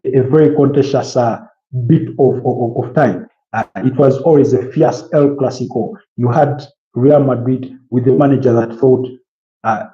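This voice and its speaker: A man in his early thirties, a football pundit on a casual talk show, rambling with many fillers and restarts as he lists player names. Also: mid-range voice. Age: early 30s. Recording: roomy, dull lo-fi sound.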